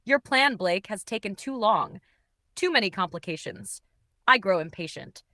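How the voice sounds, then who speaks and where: Lady reading as a russian mob boss, heavy accent, curt and cold, bright dry voice. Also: medium pitch, expressive, normal speed, dry recording. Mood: impatient. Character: menacing male Russian crime boss, impatient.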